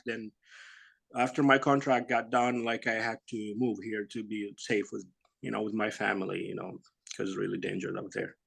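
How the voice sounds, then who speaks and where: A man, answering interview questions in a halting, casual way with many fillers and soft laughs. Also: medium pitch, vocal fry. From Iraq. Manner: halting, lots of "you know" and "like", laughs softly. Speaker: guest, bodybuilder.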